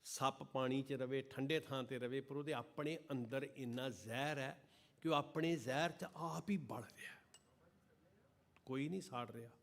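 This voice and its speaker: A man preaching a sermon to a congregation at a gurdwara, chanting and singing scripture lines slowly between passages of fervent preaching. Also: mid-range voice, a bit bright. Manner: addresses the congregation directly. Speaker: Sikh preacher giving katha. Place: gurdwara hall during an evening service.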